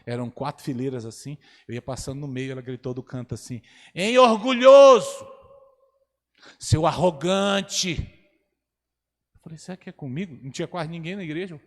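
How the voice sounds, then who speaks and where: A man preaching a sermon as pastor, animated and rising to loud exclamations, in a church hall. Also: mid-range voice. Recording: long church hall reverb.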